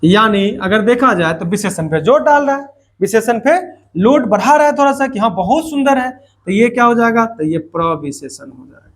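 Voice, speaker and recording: A man's voice: high-pitched, animated, moderate pace. A man teaching a grammar lesson to students, repeating points and asking questions that he answers himself, with playful asides.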